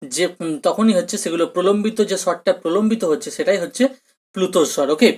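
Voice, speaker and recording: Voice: mid-range voice, fast talker, darkish tone. A teacher gives a recorded exam-prep grammar lesson, explaining patiently, repeating each question and often checking in with students. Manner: mixes English terms into speech.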